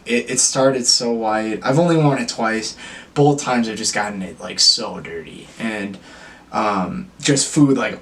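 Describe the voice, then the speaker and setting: A man's voice: mid-range voice, a bit bright, distant mic. A young man telling a rambling personal story to the camera, constantly saying "like" and "dude". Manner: filler-heavy, says like and dude constantly. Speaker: vlogger.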